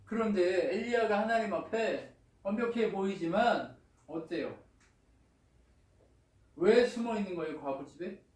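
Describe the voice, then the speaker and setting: A man's voice: high-pitched, a little slow, pauses often, far from the mic. Man preaching in an echoey church hall. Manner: lively and colloquial, asks the congregation frequent questions. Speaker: pastor. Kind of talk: sermon. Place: church sanctuary.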